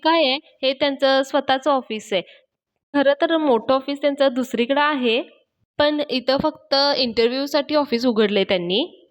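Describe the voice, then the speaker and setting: A woman's voice: high voice, normal speed, voice pushed up, lightly acted. A woman voicing a young man who is an eager, bossy helper and speaks in a pushy, coaxing way. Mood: urging.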